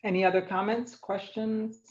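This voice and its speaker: A woman's voice: medium pitch, level tone, moderate pace. A woman hosting a book discussion over a video call, reading out participants' chat comments. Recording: muffled video call audio.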